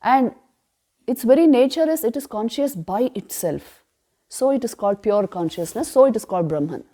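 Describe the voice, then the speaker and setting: Woman, spiritual teacher, mellow voice, rhetorical questions, emphatic. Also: fairly high pitch, lively intonation. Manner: emphatic, asks rhetorical questions then answers them; chants verses slowly. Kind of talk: retreat class on scripture.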